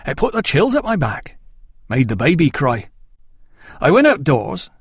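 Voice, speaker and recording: A man voicing an earnest, excitable male farmer who speaks with awe. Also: fairly high pitch, unhurried, husky, no echo, studio quality, full character voice. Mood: awed. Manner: eager, awed, excitable.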